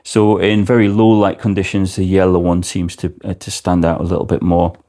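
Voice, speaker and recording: A man's voice: low voice, level tone, fairly quick, dark tone. A man giving an informal product explanation as a presenter, speaking indoors in a shop.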